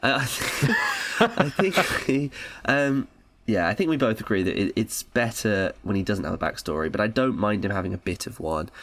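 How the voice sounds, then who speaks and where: A man from England co-hosting a film podcast, chatting casually and jumping into high mocking voices when he quotes people. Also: expressive, moderate pace, a bit bright. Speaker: podcast co-host.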